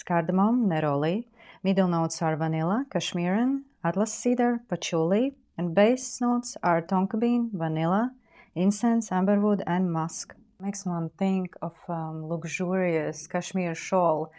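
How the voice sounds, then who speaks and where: A woman hosting a perfume channel, with a raspy voice from a cold, describing scents in a soft, unhurried way. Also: on the low side. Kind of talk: relaxed perfume review.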